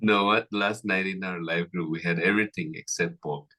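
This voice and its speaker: A man's voice: deep voice, fairly even intonation, moderate pace, pushed and bright. A man in playful casual chat in a church discussion.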